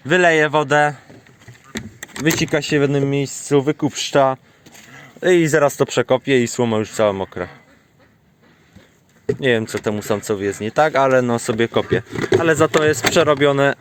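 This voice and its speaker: Chatty man talking to his farm animals. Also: a little hiss or hum. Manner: chatty, scolds and coaxes animals, calls them in a high voice. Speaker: farm vlogger. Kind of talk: casual chat while feeding animals. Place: outdoors around a farmyard and animal pens.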